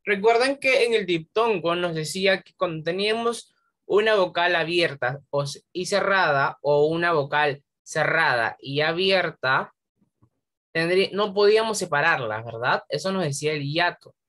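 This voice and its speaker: A woman's voice: on the low side, expressive, normal speed, a bit bright. A woman teacher giving a patient lesson to young pupils, quizzing them step by step. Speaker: primary school teacher. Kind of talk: online class lesson.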